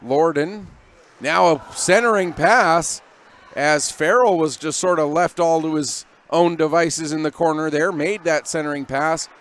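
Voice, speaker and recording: A man calling amateur ice hockey play-by-play at a local rink, giving brisk running calls of each play. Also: a little high, fairly bright tone, slight background noise. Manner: brisk running play calls, rising when the action peaks. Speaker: play-by-play commentator.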